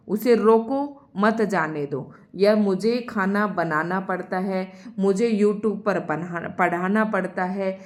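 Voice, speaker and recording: Speaking at an ordinary mid-range pitch, a woman teaches Hindi grammar online, walking patiently through each term. She addresses her students directly and says each example sentence twice, slowing down so they can keep up.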